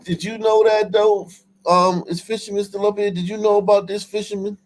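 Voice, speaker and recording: A man with a voice that sits high hosts a livestream, chatting casually and profanely at a normal speed and a level tone. He often repeats himself and restarts his phrases. Background noise is clearly audible.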